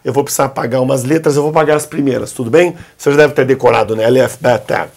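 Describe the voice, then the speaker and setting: A man teaching the alphabet at a whiteboard, whose first language is Arabic. He talks patiently and coaxingly, and says each letter's sound slowly so the learner can repeat it. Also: medium pitch, a little mellow. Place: indoor classroom at a whiteboard.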